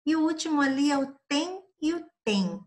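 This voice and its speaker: A woman's voice: sits high, lively intonation. A woman from Brazil teaching a grade-school lesson review, patiently drawing out each example word for young pupils. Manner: patient, spells out examples slowly for children.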